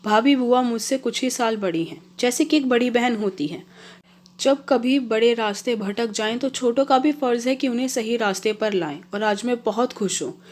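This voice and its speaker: A woman's voice: on the high side, normal speed, close to an everyday voice. A woman voicing a kind young married daughter who reassures her sister-in-law. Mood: reassuring. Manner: gentle, reassuring.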